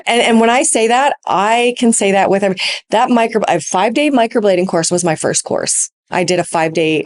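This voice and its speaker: A woman, a permanent makeup educator, eagerly answering a question on a panel. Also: mid-range voice.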